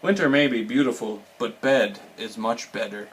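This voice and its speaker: A man's voice: medium pitch, normal speed, a little hiss or hum, lightly acted, low-quality recording. Man putting on an anxious, dramatic toad. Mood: grumpy. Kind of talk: children's storybook read-aloud.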